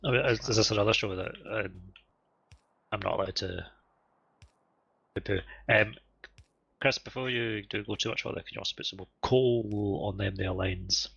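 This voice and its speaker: Gravelly man in casual game chat. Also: on the low side, moderate pace, pauses often, bright, forceful tone, lo-fi sound. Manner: joking, self-interrupting, breaks off mid-sentence. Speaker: speedrunner. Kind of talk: casual chat while gaming.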